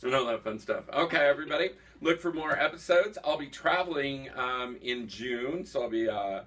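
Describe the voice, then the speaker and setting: A man's voice: mid-range voice, animated, normal speed, a bit bright, recorded from a distance. A man hosting a casual chat show, playful and teasing, laughing often. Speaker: host.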